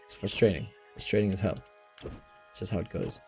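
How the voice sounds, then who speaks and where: Laid-back lower-voiced male game streamer. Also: fairly even intonation, a little fast, husky. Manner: laid-back, says bro and dude, talks to chat. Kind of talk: casual live gaming chat. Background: game music.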